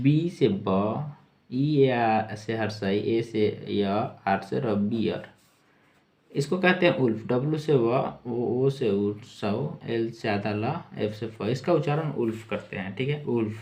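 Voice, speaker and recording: Male teacher, mid-pitched, very slow and patient, spells out words and repeats them. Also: a little mellow. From India. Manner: spells words letter by letter, repeats each word slowly. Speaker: English teacher. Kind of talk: slow spelled-out vocabulary lesson.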